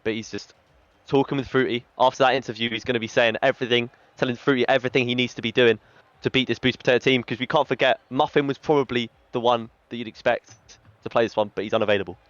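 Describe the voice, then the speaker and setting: A man's voice: mid-range voice, fairly even intonation, fast talker, fairly bright tone, dry recording, muffled recording. A man commentating an online esports tournament in a chatty way, with announcer-style hype lines. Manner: chatty, reads out team chats, hype lines.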